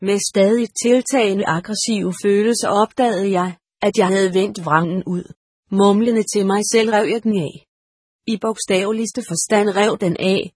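Husky woman narrating an audiobook. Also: mid-range voice, dry recording, clean studio sound. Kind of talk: first-person audiobook narration.

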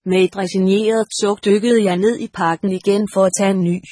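A woman reads a first-person story aloud in a steady, measured voice. Her tone is slightly breathy and sits at a middle pitch, recorded close and dry with no room sound. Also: dry recording. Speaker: audiobook narrator. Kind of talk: first-person audiobook narration.

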